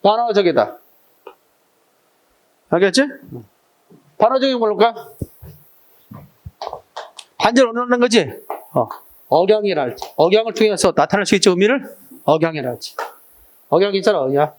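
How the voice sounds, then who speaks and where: A male exam-prep teacher lectures a live class, quizzing students with short questions. His voice sits high and sounds animated at a moderate pace with frequent pauses, and his irritated throat makes him clear it often.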